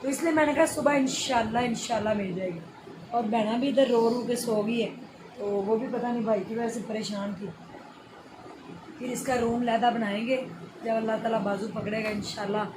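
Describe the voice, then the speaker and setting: A woman's voice: a little high, steady tone, moderate pace, a crowd in the background, background noise. Woman vlogging late at night. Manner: soothing, pleading, says inshallah often. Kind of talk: casual vlog. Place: small shared bedroom at night.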